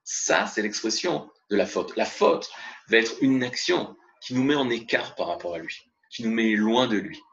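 A man giving a spoken religious lesson as a Torah teacher, expressive and mixing Hebrew terms into his explanations, in a dull lo-fi recording. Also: mid-range voice, moderate pace, creaky, slight background noise.

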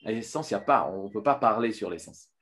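Guy giving a torah lesson on camera, lively, lots of euh and restarts. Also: on the low side, quick pace, background noise. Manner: lively, with many restarts and filler sounds. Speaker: Torah teacher.

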